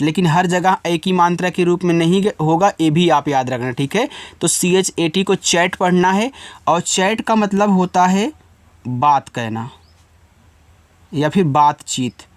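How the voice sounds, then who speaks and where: A man's voice: high voice, no echo. A man teaching a spoken English lesson, spelling out words letter by letter and asking his viewers questions again and again. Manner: repeats check-ins and asks the viewer questions.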